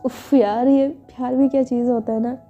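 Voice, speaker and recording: A woman's voice: high-pitched, steady tone, normal speed, mellow, faint music behind. A woman voicing a playful, teasing young woman who mock-scolds her wife in a storytelling dialogue. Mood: tender. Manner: teasing, dismissive, mock-stern.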